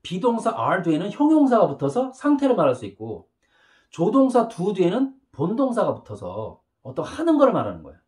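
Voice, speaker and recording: A man leads a beginner English lesson with a fairly high, very animated voice that rises and falls a lot. He talks in a chatty way, slows right down for model phrases so the class can repeat them, and keeps asking quick check-in questions. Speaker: English teacher.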